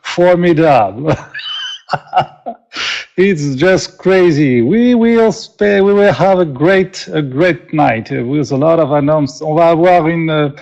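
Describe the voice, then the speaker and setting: A man's voice: a little high, slow pace, creaky, hardly any pauses, darkish tone, lo-fi sound. A French man hosting a live webinar as a company vice president, speaking English with a French accent and then translating himself into French, upbeat and full of fillers and restarts.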